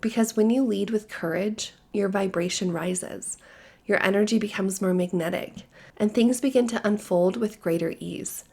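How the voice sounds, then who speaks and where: A woman's voice, hoarse from a lingering cold, with a gravelly, fry-laden edge. She talks softly and steadily, guiding the listener through a soothing spiritual monologue as a podcast host, neither high nor low in pitch. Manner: calm, soothing, measured delivery. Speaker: podcast host sharing channeled messages. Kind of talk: gentle spiritual guidance monologue.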